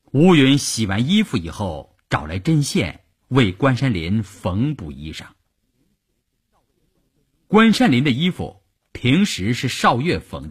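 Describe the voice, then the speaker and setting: A man narrates a novel for a radio storytelling program. His voice is husky and rough, his pitch swinging widely from line to line, and he takes his time over every phrase. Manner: slow, expressive narration.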